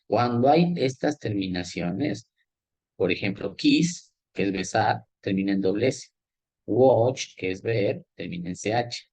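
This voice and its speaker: Slow and patient, this English teacher, whose first language is Spanish, works through a grammar lesson step by step, moving between Spanish and English and asking "¿ya?" and "¿sí?" to check understanding. He has a lowish, darkish voice with lively intonation. There's no room sound, though the audio is poor.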